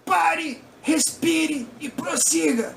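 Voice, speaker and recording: A man's voice: very high voice, drawn-out words, gravelly, fairly bright tone, far from the mic, pitched above the performer's own voice, exaggerated voice. A man doing a barking, robotic driving examiner. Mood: stern commanding. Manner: clipped, mechanical barked commands. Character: stern male driving test examiner. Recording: roomy echo, faint background hiss.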